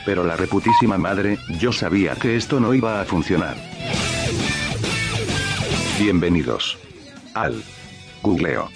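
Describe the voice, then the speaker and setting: A man's voice: low-pitched, animated, unhurried, pauses often. A man voicing a brash, foul-mouthed male internet personality, who slides from a mock-formal intro into cursing. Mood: exasperated. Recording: music bed underneath.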